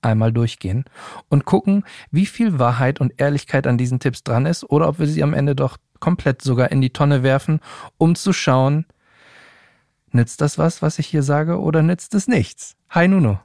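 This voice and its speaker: A man's voice: a little high, normal speed, creaky, darkish tone, dry recording, studio quality. A man hosting a podcast, chatting in a friendly way and speaking straight to his listeners. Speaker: podcast host. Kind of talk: casual podcast interview.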